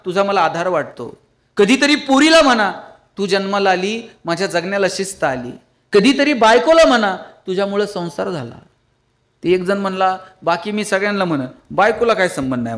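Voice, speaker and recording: A man's voice: high voice, a bit bright. A man giving a motivational lecture to an audience, telling funny stories and pleading with his listeners. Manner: storytelling with humor, pleading with the audience. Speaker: public speaker.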